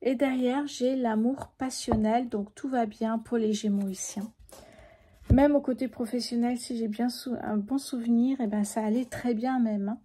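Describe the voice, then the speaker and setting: A woman in her fifties with a sore throat, speaking softly and sometimes whispering as she lays out a tarot reading. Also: on the high side, fairly even intonation, moderate pace, slightly rough. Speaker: tarot card reader.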